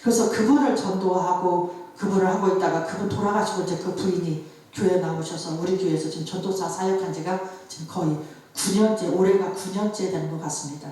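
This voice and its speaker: Female pastor, emotional storyteller, dark warm tone, roomy distant hall sound. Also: lowish voice, fairly even intonation, brisk. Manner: emotional storytelling, acting out voices of others. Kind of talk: sermon. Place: church revival hall. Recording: echoey hall, voice from far off.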